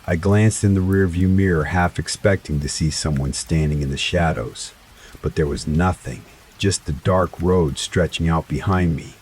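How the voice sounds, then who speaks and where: A man narrating a first-person horror story in a slow, dramatic scripted style. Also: deep voice, a little mellow, a little hiss or hum. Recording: faint rain sounds behind voice. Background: rain ambience.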